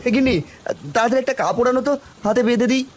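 A man's voice: very high-pitched, fairly even intonation, very fast. A man voicing a caring, worried poor village father in a cartoon, anxious and tender. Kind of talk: cartoon voice acting.

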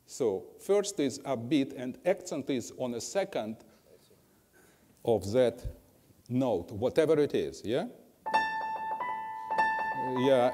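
A man coaching a piano master class, scatting rhythms aloud with syllables and giving blunt, drily humorous corrections. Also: medium pitch. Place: music school teaching hall. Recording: long hall reverb, faint piano.

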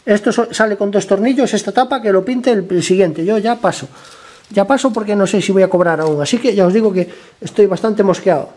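Working on a motorcycle in his garage, a vlogger explains each step to the camera in a loose, chatty way, repeatedly asking "¿vale?" to make sure viewers keep up. His high-pitched voice is a bit hoarse from a cold and a little mellow, and he speaks fairly quickly in this casual workshop tutorial.

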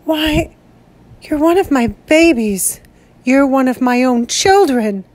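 A woman reading aloud, voicing a frantic old grandmother who begs in high, pleading cries. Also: lively intonation, slow pace, darkish tone, no room sound. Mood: tender.

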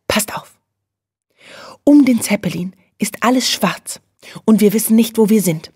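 A woman voicing a fearless, bossy young female dormouse who gives brisk, conspiratorial commands. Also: medium pitch, darkish tone, husky, no echo, clean studio sound, pitched above the performer's own voice.

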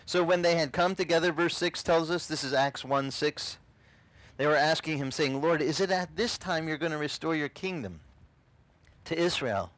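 A middle-aged man, whose first language is not English, preaches an animated and casual sermon outdoors on a beach, gesturing and acting out the voices he quotes. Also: a little high, normal speed, no room sound, low-quality recording. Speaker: pastor.

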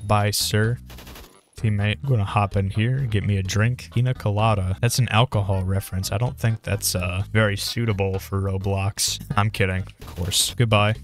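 A man giving casual gameplay commentary, his voice strained as he is losing it, rambling and reacting loudly to surprises. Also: fairly low pitch, steady tone, moderate pace. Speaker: gaming video creator.

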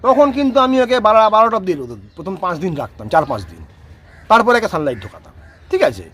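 A high, animated male voice, walking through garden care in quick, explanatory speech. He keeps checking that listeners follow along, over faint outdoor noise. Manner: explanatory, repeats "ঠিক আছে?" to check understanding. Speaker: rose gardening expert. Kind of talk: casual outdoor demonstration.

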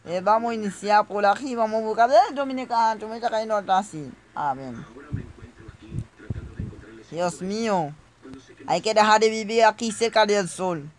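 High-pitched guy doing a goofy game playthrough, chatty w viewers, keeps freaking out. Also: normal speed, pauses often. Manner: excitable, often breaking into panicked shrieks; chatty, addresses viewers directly. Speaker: gaming youtuber. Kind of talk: comedic gameplay commentary.

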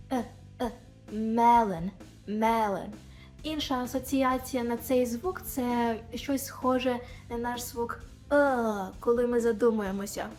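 A woman with a Ukrainian accent teaching English pronunciation, saying example sounds slowly and clearly, with faint music behind. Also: a little high, a little mellow. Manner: clear, demonstrative, over-articulating example sounds. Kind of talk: pronunciation lesson.

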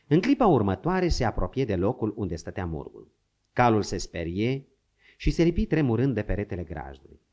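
A man's voice: on the low side, mellow. A man narrating an audiobook in a dramatic storytelling manner, in a dull lo-fi recording.

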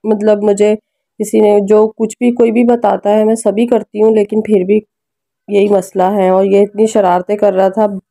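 Her voice is medium-pitched, dark and a little creaky, with little pitch movement and a moderate pace, in a dry recording. She's a mother with a Pakistani Urdu accent narrating a casual cooking and family vlog from her kitchen and family room, chatting and frequently asking viewers to help.

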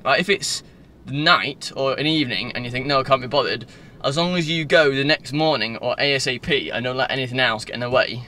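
A bright, forceful, mid-range voice belongs to a twenty-something Northern English vlogger. Recording on an arm's-length phone inside a car, he chats in a loose, wandering way over faint car noise.

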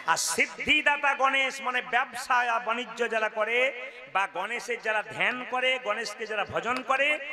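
High-voiced guy preaching a devotional story outdoors, big crowd noise behind. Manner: direct, instructs the crowd, asks rhetorical questions. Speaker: kirtan singer and storyteller. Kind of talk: devotional storytelling to a live audience.

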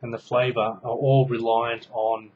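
A man in his thirties talks slowly and loosely as he shows off a small gadget, filling gaps with ums and restarting sentences. His voice comes through a dull, lo-fi webcam mic in a small room, with a faint hiss underneath. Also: mid-range voice, little pitch movement. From Australia. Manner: rambling, many ums and restarts, hands busy with gadget. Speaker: product reviewer. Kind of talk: casual show-and-tell review. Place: small room indoors at home. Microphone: webcam mic at close range.

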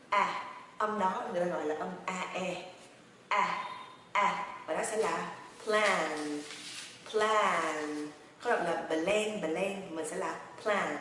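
A woman teaching a pronunciation lesson, chatty and encouraging, drilling words by repeating them slowly and then quickly. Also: on the low side, fairly bright tone. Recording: echoey room, heard from a distance, faint noise.

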